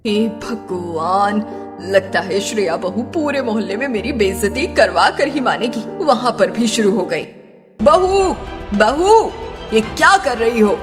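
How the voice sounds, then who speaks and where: A worried, motherly middle-aged mother-in-law from an animated family tale, played by a woman. She sounds fretful and instructs others, with long reverb and clear music behind her. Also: mid-range voice, unhurried, lightly acted. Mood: dismayed. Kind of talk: Hindi animated moral-story acting.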